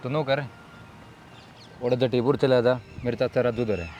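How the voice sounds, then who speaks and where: A man's voice: mid-range voice, steady tone, moderate pace, a little mellow, lo-fi sound, slight background noise, close to an everyday voice. A young man playing a fed-up grown son who scolds and pleads in a Haryanvi accent, in a comedy drama. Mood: weary scolding. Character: exasperated grown son scolding his drunkard father.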